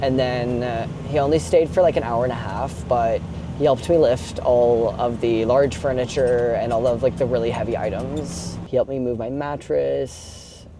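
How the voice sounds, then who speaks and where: A young vlogger chats casually and confessionally while driving a moving box truck, rambling and swearing informally with plenty of "like." His voice is medium-pitched and steady at a normal speed, with engine and road noise clearly audible.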